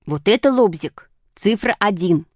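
An excitable, bossy schoolboy, as a woman puts him on in a storybook reading, his raised boyish voice jumping about lively. The sound is dry and close. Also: medium pitch, unhurried, no room sound. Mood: eager.

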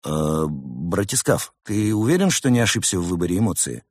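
A man's voice: low-pitched, big pitch swings, moderate pace, no echo, studio quality, heavily acted. A man voicing a brash, joking male cat in a storybook reading, talking in cheeky slang.

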